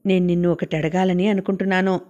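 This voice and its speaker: A woman's voice: on the low side, level tone, fast, a little mellow, dull audio, lightly acted. A woman reading the lines of a husband pressing his wife for money. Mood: insistent. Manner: insistent, pressing. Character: pleading, then angry young husband.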